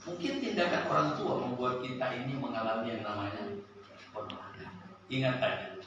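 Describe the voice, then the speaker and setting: A man preaching a sermon and telling a personal story, with an animated voice that climbs and sinks sharply. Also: mid-range voice, normal speed, muffled recording, background noise. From Sulawesi, Indonesia. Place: church service hall. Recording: echoey church hall, from a distance.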